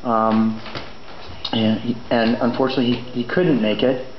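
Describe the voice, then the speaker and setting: A man's voice: mid-range voice, little pitch movement, normal speed. A middle-aged man giving a eulogy in an informal, conversational and hesitant way, with rambling asides. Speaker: son of the deceased giving a eulogy. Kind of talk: informal eulogy at a memorial gathering. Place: large indoor memorial venue. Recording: echoey room, muffled, faint background noise.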